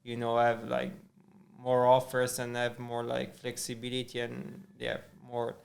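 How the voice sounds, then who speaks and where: A man's voice: mid-range voice, completely flat delivery, measured pace, creaky. An Italian man with an Italian accent, a podcast guest talking hesitantly with many fillers and restarts. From Italy. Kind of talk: casual interview chat.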